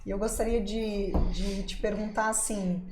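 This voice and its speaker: A woman hosts a podcast interview, leading her guest on with friendly questions. Her voice sits at a middling pitch, and the room gives it a noticeable echo with a faint hiss. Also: fairly even intonation, normal speed. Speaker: podcast host. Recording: echoey room.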